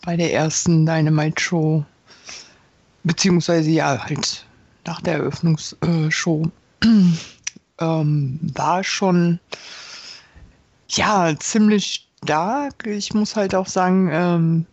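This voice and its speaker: A woman's voice: lowish voice, steady tone, slow pace, a little mellow, dry recording. A woman chatting casually as a podcast co-host, hesitant and full of fillers and restarts. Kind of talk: casual wrestling chat. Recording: dull, dry lo-fi sound.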